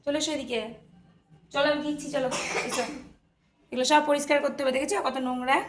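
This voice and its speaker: A hoarse woman filming a casual home vlog, coaxing and chatting with her small child. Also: sits high, little pitch movement, fast talker, a crowd in the background. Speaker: mother and vlogger. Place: indoors at home.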